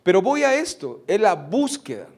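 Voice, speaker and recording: A man's voice: high-pitched, wildly swooping pitch, moderate pace, a little mellow. A middle-aged man preaching a sermon, putting rhetorical questions to his congregation. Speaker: pastor.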